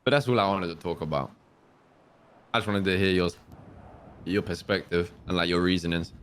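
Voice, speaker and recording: A man with a deep voice speaks in casual roleplay chat. He sounds understated and conciliatory, over faint background noise. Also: steady tone, moderate pace, a bit bright.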